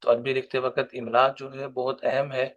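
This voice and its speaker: A male Arabic teacher in a recorded lesson, his voice sitting at an ordinary middle pitch. He drills each word slowly and deliberately, then explains it patiently, step by step. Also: monotone, highs cut off. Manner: reads Arabic words slowly, then explains them in Urdu.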